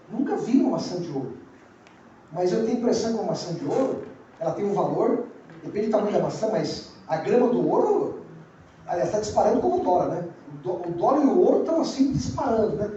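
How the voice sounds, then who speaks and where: High-voiced Brazilian pastor in an echoey church. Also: male voice, mellow, slight background noise. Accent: Brazilian Portuguese. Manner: conversational preaching, repeats phrases and asks the congregation questions. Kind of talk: sermon. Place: church sanctuary. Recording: very echoey, distant, dull church recording.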